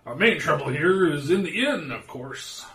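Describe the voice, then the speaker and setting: A man's voice: fairly high pitch, expressive, normal speed, a bit bright, roomy sound, voice pushed up. A man voicing a proud, boastful, burly male Bjorning woodsman in a tabletop game.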